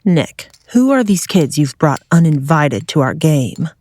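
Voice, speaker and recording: A man's voice: a little high, sing-song, a little slow, a little mellow, no echo, voice pushed up. A brash, sassy woman at the card table with a raised, drawling voice, as a male narrator puts her on. She teases with a purring tone, and the sound is dry and close. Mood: teasing. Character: brash middle-aged woman poker player, sassy.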